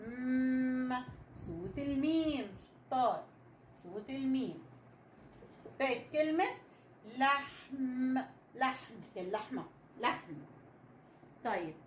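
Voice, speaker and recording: A young Egyptian woman teaches children to read, sounding out letters slowly and repeating each one patiently. Her voice sits a little high. It rings in an echoey room with a faint hiss underneath. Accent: Egyptian Arabic. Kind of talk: children's reading lesson.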